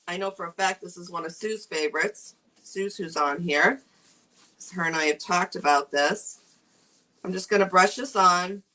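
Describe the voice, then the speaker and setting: A woman's voice: lowish voice, bright, forceful tone, poor audio. A middle-aged woman with a New England accent, casually demonstrating furniture staining and chatting with viewers by name. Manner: chatty, reads viewer comments aloud. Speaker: furniture painting instructor. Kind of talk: casual live craft demo.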